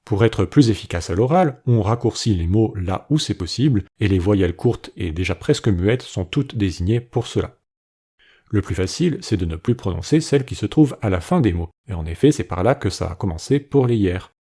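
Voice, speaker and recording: A man giving a scripted educational narration about linguistics, explaining clearly and saying sample phrases aloud to show how they sound. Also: lowish voice, expressive, fairly quick, dark tone. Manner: clear explanatory delivery, demonstrates pronunciations.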